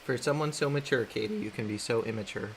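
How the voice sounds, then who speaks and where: A man's voice: medium pitch, fast talker, a little hiss or hum, poor audio. Chatty man rambling while he draws. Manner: relaxed, rambling, laughs often, reads chat aloud. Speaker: artist streaming while drawing. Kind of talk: casual livestream chat.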